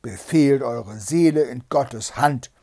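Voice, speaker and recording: A man reading a fairy tale aloud and voicing a cruel, menacing nobleman who speaks slowly and loudly in a commanding tone. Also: mid-range voice, animated, slightly rough. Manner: slow, loud, commanding.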